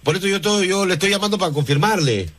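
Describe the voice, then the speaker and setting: Radio prank caller, a man with a slightly high voice, stammering fillers, noisy line. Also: lively intonation, very fast. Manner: hesitant, stammering fillers, playing innocent. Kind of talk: prank call.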